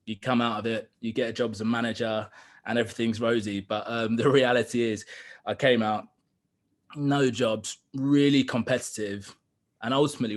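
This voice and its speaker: A man in his thirties from East London, with the accent to match, appears as a podcast guest and works as a digital consultant. In this casual interview chat he speaks openly and reflectively in a lowish voice, using lots of ums.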